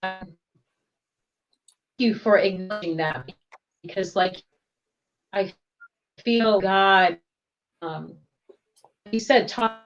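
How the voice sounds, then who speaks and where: Woman meeting participant on a choppy video call whose voice drops in and out, halting delivery, muffled lo-fi line. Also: fairly low pitch. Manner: halting, broken-off phrases. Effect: choppy video-call audio cutting in and out. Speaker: participant in an online group meeting. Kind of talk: casual discussion. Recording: dull lo-fi call audio, faint music.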